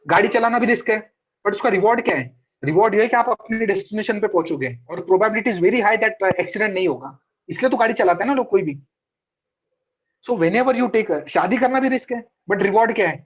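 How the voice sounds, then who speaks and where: Over a video call, a male trading mentor runs a casual online class, speaking briskly with lively intonation in a high, slightly rough voice that sounds a bit dull through the lo-fi audio. He chats freely, blending Hindi with English and going over his points again and again.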